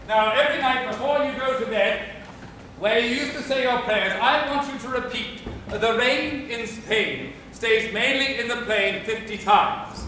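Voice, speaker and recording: A man playing an impatient, pompous professor in an amateur stage play, lecturing in a brisk, commanding way. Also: very high-pitched, sharp tone, a little hiss or hum, exaggerated voice. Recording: echoey stage, distant mic.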